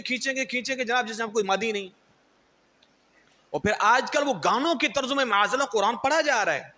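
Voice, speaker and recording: High bright-voiced male preacher in a hall. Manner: storytelling, acts out quotes and mocks others' styles. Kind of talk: Urdu sermon.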